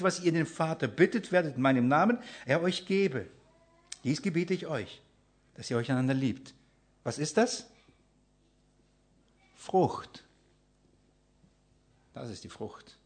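A man preaching, asking the congregation questions and answering them himself, swinging between loud emphasis and hushed near-whispers. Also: a little high, expressive, takes it slowly, long pauses. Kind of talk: sermon with Bible reading.

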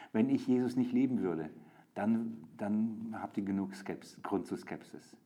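A man's voice: on the low side, a little slow, dark tone. A man teaching from the Bible to a group, talking informally with many restarts and fillers, then reading and stressing verses with rising intensity. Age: adult with a young daughter. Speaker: preacher.

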